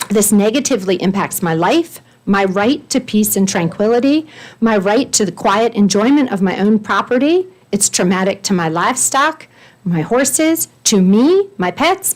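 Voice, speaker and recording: Earnest woman pleading at a county meeting. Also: medium pitch. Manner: earnest, pleading, emphatic lists. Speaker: resident speaking at public comment. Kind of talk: reading a prepared public statement. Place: county board meeting room.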